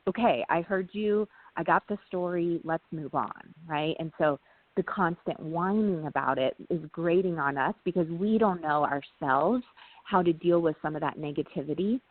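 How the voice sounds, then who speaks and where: Low-voiced woman explaining over a tinny line. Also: no room sound. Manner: talks through ideas with frequent "um" and tag "right?". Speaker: parenting training specialist, guest. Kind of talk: casual explanatory interview talk. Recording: tinny phone-like line, dry.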